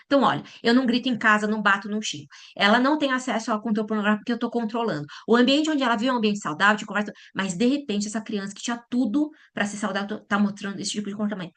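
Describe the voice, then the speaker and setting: A woman giving a lecture to parents, animated and often checking in with her listeners. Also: mid-range voice, racing, few pauses. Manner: acts out quoted voices. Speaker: lecturer at a church parents' talk.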